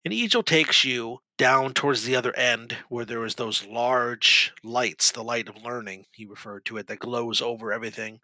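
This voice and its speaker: A man narrating a tabletop game as game master, in steady, descriptive storytelling. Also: medium pitch, normal speed, hardly any pauses, no echo, poor audio.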